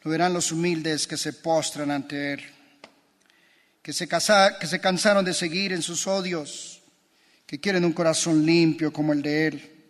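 A man's voice: a little high, steady tone, a little slow. A man preaching a sermon as pastor, impassioned and building through repeated phrases. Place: church. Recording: long church reverb.

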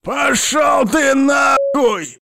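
A man's voice: very high-pitched, very animated, unhurried, no room sound, studio quality, voice pushed up, exaggerated voice. A man voicing a terrified captive who shrieks curses and begs desperately.

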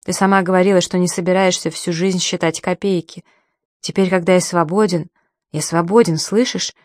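A woman's voice: fairly low pitch, steady tone, normal speed, a little mellow, dry recording, studio quality, natural voice. A woman reading an audiobook, voicing a desperate, frightened man pleading with his lover. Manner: frantic, pleading.

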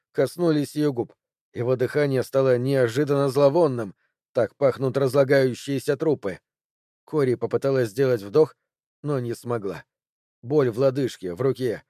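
A man reading an audiobook chapter in steady, measured narration. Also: medium pitch, no echo, clean studio sound. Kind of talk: scripted narration.

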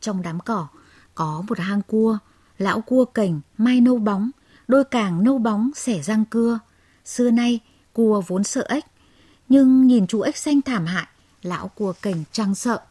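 A woman telling a children's fable in a measured, expressive way. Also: a little high, breathy edge, dry recording. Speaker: storyteller. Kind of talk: children's story narration.

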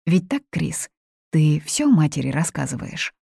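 A cold, fearless young woman, voiced by a woman narrator in a story reading. The voice sits low and slightly gravelly, hard and cutting. It is recorded dry and close. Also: big pitch swings, unhurried, dark tone, dry recording, heavily acted. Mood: cold, firm. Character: blunt, fearless young woman confronting a family.

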